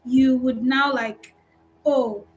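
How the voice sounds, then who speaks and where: A woman with a Nigerian accent, a customer support recruiter giving an animated, encouraging talk in a live online training session. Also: high voice, unhurried, lo-fi sound, faint music behind.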